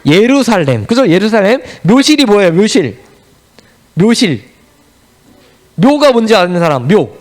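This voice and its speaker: Animated man preaching to children. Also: sits high, unhurried, pauses often. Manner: animated storytelling, asks the children questions. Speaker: children's pastor. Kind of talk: children's sermon.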